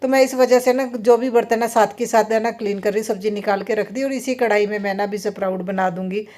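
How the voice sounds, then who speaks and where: A woman's voice: medium pitch, fairly even intonation, fast, a little mellow. A woman in her thirties, a mother and vlogger, chatting through a casual voice-over about her day at home. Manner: chatty, rambling, many fillers. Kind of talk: casual voice-over vlog narration. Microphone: phone voice-over.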